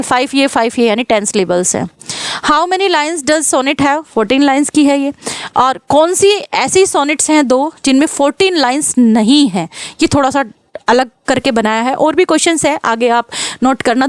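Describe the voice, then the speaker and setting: A woman teaching poetry for exam prep, explaining patiently, mixing English terms into her talk and reading quoted lines slowly. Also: high-pitched, no echo. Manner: explains patiently, checks in with "ok" and "clear"; mixes English terms into Hindi. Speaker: literature teacher.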